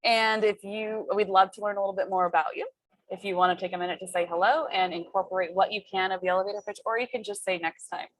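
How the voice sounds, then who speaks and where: A woman's voice: medium pitch, fairly even intonation, fast talker, dry recording, poor audio. A woman hosting a group career coaching session in an encouraging, informal, conversational way.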